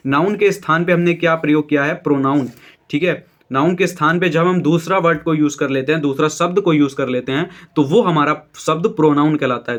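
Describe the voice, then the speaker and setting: Guy teaching english grammar in hindi, kinda high voice, keeps saying theek hai, reads examples slow. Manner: explains in Hindi with English terms, asks and answers own questions; repeats "ठीक है" as a check-in. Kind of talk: explanatory grammar lesson.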